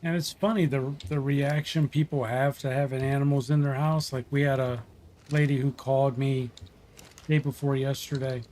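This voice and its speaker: A man's voice: mid-range voice, fairly even intonation, normal speed, a little mellow, a little hiss or hum. A middle-aged man from Ohio who works in wildlife removal, chatting casually and telling stories with lots of fillers and restarts. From Ohio, USA. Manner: folksy storyteller, many fillers and restarts. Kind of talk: casual livestream chat.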